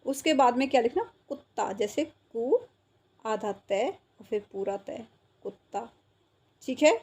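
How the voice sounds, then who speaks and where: A woman teacher walks children through a textbook exercise, repeating each word and checking that they follow. Her voice sits a little high. It has a mellow, slightly husky tone. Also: expressive, a little slow. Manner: patient, repeats words and checks understanding. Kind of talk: explaining a school textbook exercise.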